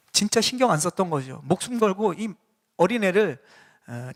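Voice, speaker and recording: High-voiced male pastor preaching. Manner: questions the congregation directly. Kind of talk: sermon. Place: church sanctuary.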